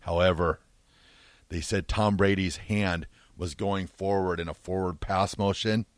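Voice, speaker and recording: A man's voice: sits low, fairly even intonation, unhurried, no room sound. A man in his forties co-hosting a sports radio show, telling stories in short clipped bursts. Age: 40s. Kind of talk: casual sports talk radio. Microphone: studio microphone.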